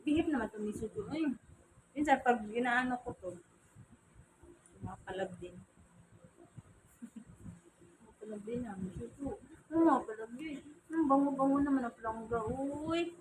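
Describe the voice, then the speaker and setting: A woman's voice: on the high side, slight background noise, low-quality recording. A woman with a Filipino accent talking to her pet in teasing, cooing baby talk while drying it. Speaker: pet owner vlogger. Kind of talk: casual chat to her cat while drying it. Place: home, by a fan.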